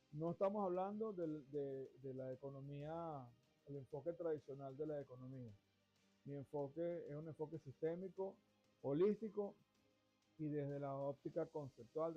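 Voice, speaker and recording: This finance show host, a middle-aged Venezuelan man, has a fairly high-pitched voice with a dark tone. Talking to camera in a lengthy, discursive monologue, he often restarts phrases. The sound is dull and lo-fi, with faint music.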